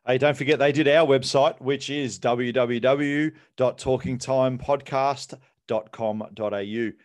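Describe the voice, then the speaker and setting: Casting: Australian male podcast host, casual and friendly in tone, mid-pitched. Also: steady tone, measured pace. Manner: chatty, uses 'mate'.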